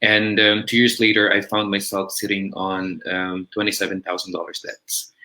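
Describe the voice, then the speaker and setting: In a rough recording, a Filipino business coach in his thirties tells his personal story during a livestream interview, sounding reflective and conversational. His voice sits low with a level, bright, forceful tone at normal speed.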